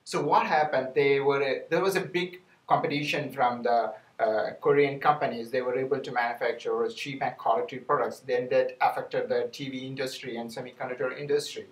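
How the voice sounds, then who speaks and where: A man's voice: medium pitch, fairly even intonation. Guy giving a team presentation, lots of uh and restarts, echoey, far from the mic. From India. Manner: halting, with fillers and restarts. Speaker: student presenter. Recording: roomy, distant mic.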